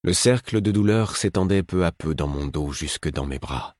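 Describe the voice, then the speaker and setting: A man reading a first-person story as an audiobook narrator, in a measured, grave manner. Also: deep voice, lively intonation, a little mellow, no room sound, studio quality.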